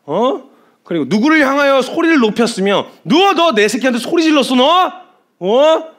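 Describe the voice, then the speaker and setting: A man voicing God as a furious, protective father shouting threats with rough slang. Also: medium pitch, expressive, fairly quick.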